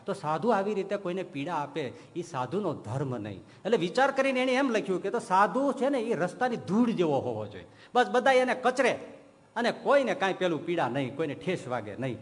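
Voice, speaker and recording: A male preacher tells stories in a sermon and acts out each quoted saint. His voice sits a little high for a man. A long hall reverb trails every phrase. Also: a little fast. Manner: animated storyteller who acts out quoted saints. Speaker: swami giving a religious discourse. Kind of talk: storytelling sermon.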